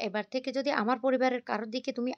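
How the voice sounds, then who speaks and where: A woman's voice: on the high side, steady tone, fast, lo-fi sound, pitched above the performer's own voice, lightly acted. A woman voicing a defiant, protective young wife.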